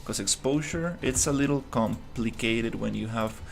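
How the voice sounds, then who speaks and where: In a gravelly, mid-range voice at normal speed, a man from Costa Rica talks casually through his game development on a live stream. He thinks aloud, stopping and restarting often and leaning on many fillers.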